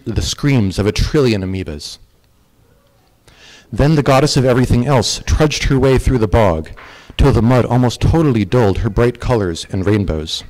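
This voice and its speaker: A man's voice: medium pitch, darkish tone, rough recording. A man reciting a long poem aloud with a rhythmic, lilting meter. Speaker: poetry reciter. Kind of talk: poetry recitation.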